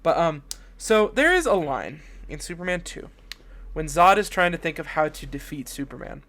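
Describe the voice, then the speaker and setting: A man co-hosting a podcast in casual chat, animated and quick to laugh as he talks. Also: fairly high pitch. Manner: animated, laughs often while talking. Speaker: podcast co-host.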